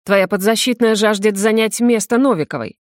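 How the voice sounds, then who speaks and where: A woman's voice: mid-range voice, moderate pace, no room sound, close to an everyday voice. A woman voicing a confident, dry male detective who drawls his questions in an audiobook.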